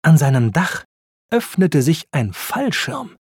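A man narrating a children's storybook with expressive, slow reading. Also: on the high side, slightly rough, no echo, studio quality.

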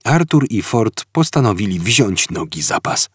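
A male audiobook narrator with a husky, breathy tone and a lively, swinging delivery. The sound is dry and close, with no room around it. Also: on the low side, a little slow, no echo. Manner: expressive, animated reading.

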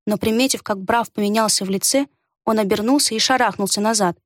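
A woman narrating a fantasy story in an even storytelling delivery. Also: medium pitch, fast talker, no room sound, clean studio sound. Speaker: audiobook narrator. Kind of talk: scripted narration.

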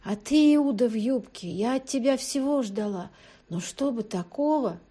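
A woman's voice: on the high side, measured pace, dark tone, pitched above the performer's own voice. A frightened but stubborn young captive speaks in a weak, strained voice, as a woman reads her part. She sounds worn down and defiant in a storybook scene.

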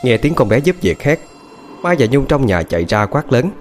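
A man narrating a ghost story in an expressive, scripted reading. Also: moderate pace, a little hiss or hum. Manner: expressive, varies pitch widely. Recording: faint background music.

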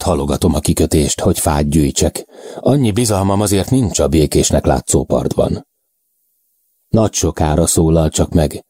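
A man reading a novel aloud in the first person, in a measured, even manner. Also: a bass voice, husky, dry recording. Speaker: audiobook narrator. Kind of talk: first-person audiobook narration.

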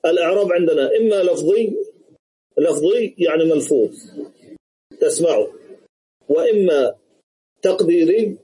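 A man teaching a grammar lesson over a video call, explaining slowly and repeating key words. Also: a little high, expressive, mellow, low-quality recording.

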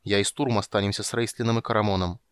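A man reading the part of a calm, commanding male half-elf leader. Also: lowish voice, fast, clean tone, no room sound, lightly acted.

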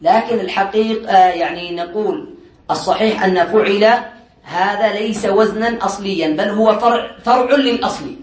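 High-voiced man teaching in an echoey hall. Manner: quizzes students with quick questions and answers them himself; drills word patterns with repetition. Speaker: Islamic studies teacher. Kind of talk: classroom lesson on Arabic morphology. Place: lesson hall with students.

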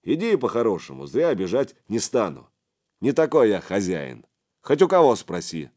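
A man voicing a domineering middle-aged merchant, loud and commanding. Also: lowish voice, huge pitch swings, moderate pace. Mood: hearty, persuasive.

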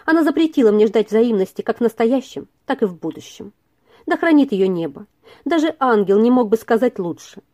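A woman's voice: on the high side, expressive, a little fast, dark tone, highs cut off, close to an everyday voice. A woman voicing an earnest young man. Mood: heartbroken. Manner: earnest, trembling, heartfelt. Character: gentle young male tutor in love.

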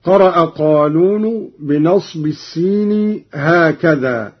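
A man explaining Quran recitation variants in a measured, deliberate way, switching into melodic chanting for each verse example. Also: on the high side, husky. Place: radio studio. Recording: dull old radio broadcast recording.

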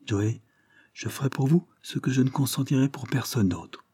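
A chatty, good-humoured floor manager of middle years pours out easy sales patter, voiced by a male storyteller. His tone stays dark and slightly husky under the brightness of the act. The room sounds close and dry. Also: fairly low pitch, normal speed, dry recording. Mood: confidential. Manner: smooth-talking, voluble salesman patter.

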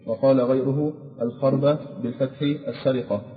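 A man reading classical commentary aloud in class, with a quick, even recitation. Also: mid-range voice. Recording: echoey hall on a tinny old tape.

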